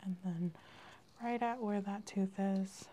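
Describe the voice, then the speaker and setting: Woman, ASMR dentist roleplay, gentle reassuring whisper, mellow tone. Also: mid-range voice, fairly even intonation, slow pace, a little hiss or hum. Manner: gentle, soft-spoken, reassuring.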